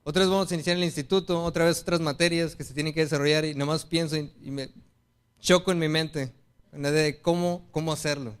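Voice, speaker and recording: High-pitched guy with a mexican accent preaching, earnest, calls everyone brother, acts out little quoted excuses. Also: fairly even intonation, fast talker, clear, resonant tone. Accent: Mexican Spanish. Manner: earnest, appeals to the congregation as brothers. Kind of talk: sermon.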